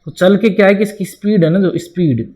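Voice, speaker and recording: Speaking fairly quickly in a high-sitting, darkish voice, a man teaches a board-exam maths lesson. He explains step by step, asks the class questions only to answer them himself, and often calls students "bhai."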